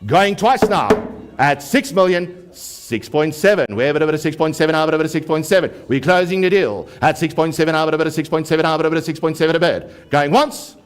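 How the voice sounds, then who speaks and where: A man working as an auctioneer, calling a live auction in a repetitive rapid-fire chant broken by slow, emphatic price calls. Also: on the high side, faint music behind.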